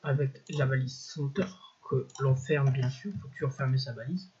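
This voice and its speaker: Man, husky voice, casual coding tutorial, thinks aloud, slightly dull lo-fi recording. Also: mid-range voice, a little mellow. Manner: thinks aloud, peppered with "voilà" and "hop"; self-correcting, halting phrasing.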